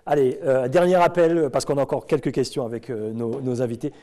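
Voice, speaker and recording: A man's voice: medium pitch, steady tone, fairly quick, dark tone. A man hosting a live phone-in debate, speaking with a polite customer-service phone manner as he prompts and thanks callers. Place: broadcast studio set.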